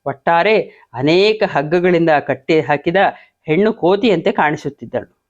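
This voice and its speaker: A man narrating an epic in a steady, formal storytelling reading. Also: a little high, moderate pace. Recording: dull lo-fi recording.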